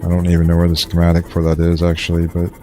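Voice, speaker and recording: In a quick, monotone ramble peppered with fillers and restarts, a young man casually narrates his survival-game stream. A slight hiss or hum sits in the background.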